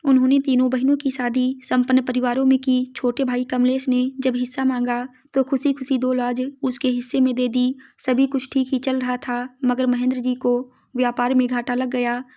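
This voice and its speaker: A woman narrating a moral story in an even, scripted reading. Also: high voice, moderate pace, few pauses.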